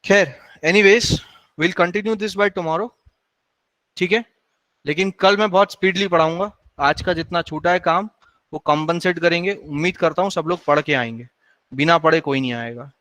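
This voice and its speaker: A man's voice: on the high side, moderate pace, fairly bright tone, no echo, poor audio. A male university lecturer in a classroom, scolding and lecturing his students in a mix of Hindi and English.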